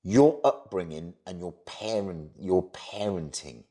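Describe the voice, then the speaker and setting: A man interviewing a guest, casual and supportive, with gentle questions and reassurance. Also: sits low, lively intonation, slow.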